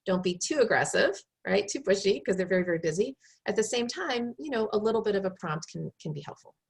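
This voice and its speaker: A woman's voice: mid-range voice, expressive, fast talker, creaky. Woman recruiter coaching job seekers. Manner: earnest coaching tone with rhetorical "right?" checks. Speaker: recruiter giving job-search advice. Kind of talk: advice talk on a group video call.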